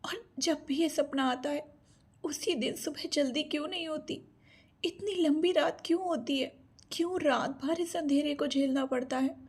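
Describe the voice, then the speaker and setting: A woman voicing a timid, frightened young woman in an audio story, speaking softly and pleadingly in a raised voice. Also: high-pitched, normal speed, voice pushed up. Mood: tearful. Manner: pleading, soft and shaky.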